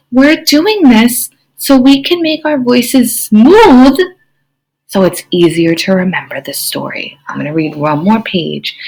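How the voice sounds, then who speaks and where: A woman teacher giving an expressive online reading lesson to young children, often asking them questions. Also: mid-range voice, husky, poor audio. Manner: expressive, explains with gasps and questions to kids.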